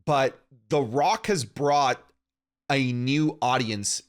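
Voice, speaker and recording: A man's voice: medium pitch, slow pace. A young man hosting a podcast, easygoing and asking questions in casual chat. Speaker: podcast host.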